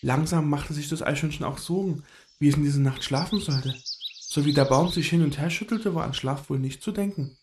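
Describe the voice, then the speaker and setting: A man gently narrating a children's story in an expressive storytelling manner. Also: on the high side, a little fast, noisy background.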